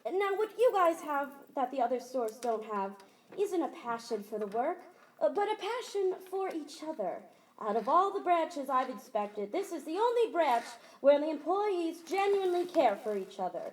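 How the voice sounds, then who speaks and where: A woman playing a lively corporate inspector. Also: high-pitched, normal speed, poor audio. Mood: formal. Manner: formal, lively, speechmaking. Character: brisk female corporate store inspector. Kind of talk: student stage play.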